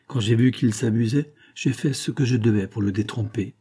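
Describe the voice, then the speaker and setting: A man's voice: mid-range voice, normal speed, mellow, slightly rough, close to an everyday voice. A man voicing a proud, wounded young woman in an audiobook reading, speaking firmly and with dignity. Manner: firm, dignified, pleading at times.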